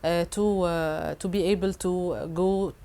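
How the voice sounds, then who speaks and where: A woman's voice: lowish voice, fairly even intonation, takes it slowly, creaky, warm tone. A woman answering interview questions in a hesitant way, with many filler sounds and restarts. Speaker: interviewed guest reporter.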